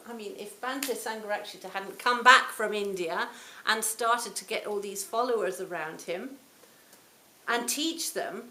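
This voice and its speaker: A woman in her sixties giving a reflective Buddhist talk to a retreat audience, her phrases often trailing off softly. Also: on the high side. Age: 60s. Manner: reflective, warm storytelling with soft trailing phrase ends. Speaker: Buddhist teacher. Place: retreat hall. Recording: roomy hall, faint hiss.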